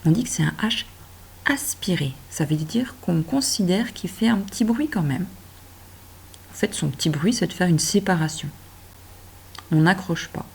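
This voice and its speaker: A woman teacher gently guiding a child through handwriting and reading, speaking directly to them and stretching words out. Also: on the low side, animated, moderate pace, creaky, long pauses, slightly rough. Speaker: primary school teacher.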